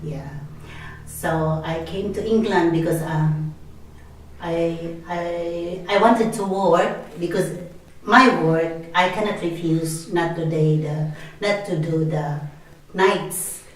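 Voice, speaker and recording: Slow, halting woman from the Philippines. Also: on the low side, fairly even intonation. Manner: hesitant, halting, with laughs. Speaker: carer, former nurse. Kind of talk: interview, personal story. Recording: echoey room from far off.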